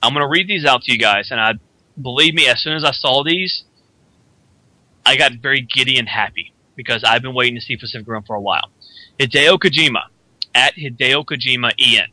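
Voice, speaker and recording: A man's voice: medium pitch, pushed and bright, no room sound. A man co-hosting a radio talk show, chatting casually and sharing opinionated predictions. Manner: opinionated, speculative, acts out quick character voices. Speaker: podcast co-host. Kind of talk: casual chat.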